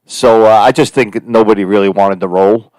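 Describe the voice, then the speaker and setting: A man's voice: fairly low pitch, a little fast, a little mellow, no echo. A man with a New Jersey Italian-American accent, co-hosting a casual live stream and rambling with many fillers and restarts. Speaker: co-host and actor.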